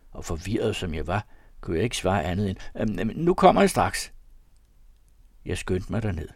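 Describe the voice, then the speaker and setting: A man narrating a classic novella as an audiobook, with a measured, expressive reading on a close studio mic. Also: low-pitched, no echo. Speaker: audiobook reader.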